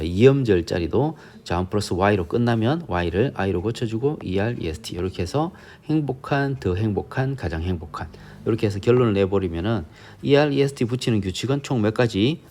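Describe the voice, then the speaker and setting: A man's voice: fairly low pitch, a little mellow. A male English teacher with a Busan accent, giving a grammar lesson step by step and often checking in with the students.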